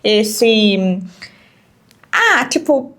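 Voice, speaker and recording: A woman's voice: fairly high pitch, lively intonation, extremely slow, fairly bright tone. A woman and mother chatting casually, telling stories with lots of fillers. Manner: chatty storytelling with many fillers. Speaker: podcast host, mother. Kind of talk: casual chat.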